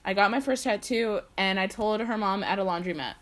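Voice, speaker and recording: A woman's voice: mid-range voice, a little fast, heavy background noise. A teenage girl co-hosting a casual podcast, laid-back with short answers and casual swearing. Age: late teens. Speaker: podcast co-host. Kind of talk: casual chat.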